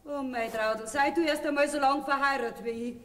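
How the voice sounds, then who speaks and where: A scolding, indignant Bavarian farm wife and mother, her voice very high. It is a folk stage comedy heard from far off in a hall, with a long echo trailing her words. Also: fairly even intonation, a little fast, fairly bright tone. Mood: lecturing. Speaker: stage actor. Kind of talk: folk theater comedy acting.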